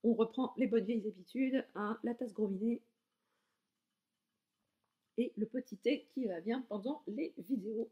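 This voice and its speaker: A woman's voice: fairly high pitch, moderate pace, pauses often, muffled recording. A woman from France giving a casual, enthusiastic book review straight to her viewers.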